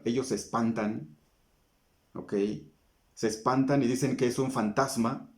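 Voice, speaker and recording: A man's voice: medium pitch, darkish tone. A man preaching a sermon in an earnest, pleading way, often stopping to ask his listeners questions. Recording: roomy echo.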